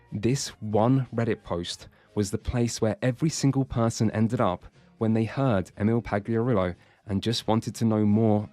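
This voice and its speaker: A man's voice: lowish voice, mellow, dry recording. A man reading scripted video essay narration in a dry, sardonic way.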